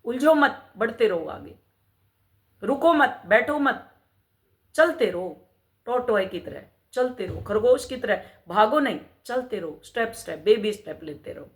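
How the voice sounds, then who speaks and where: A woman's voice: fairly high pitch, expressive, measured pace. Preachy middle-aged woman giving spiritual advice. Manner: preachy, with rhetorical questions and repeated urging. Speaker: spiritual mentor. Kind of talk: motivational spiritual talk.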